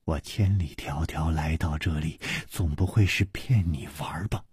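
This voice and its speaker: A man's voice: rumbling low, normal speed, darkish tone, breathy edge, dry recording, pitched below the performer's own voice, heavily acted. A man putting on an icy, haughty young woman. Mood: cold. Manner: icy, clipped, half-whispered. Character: cold, haughty young woman from a secret palace.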